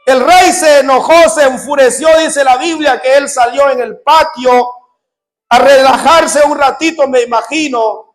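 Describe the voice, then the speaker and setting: A male preacher with a strikingly high voice delivers a storytelling sermon at an unhurried pace. He retells scripture with flair and keeps turning to his listeners with questions, while soft music plays underneath. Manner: retells scripture dramatically, addresses the congregation directly.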